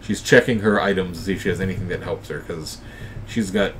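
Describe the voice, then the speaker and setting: A man hosting a board game play session, reading the game's text aloud with some drama and then talking through the rules in a relaxed, casual way. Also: low voice, fast, background noise. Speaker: host and player.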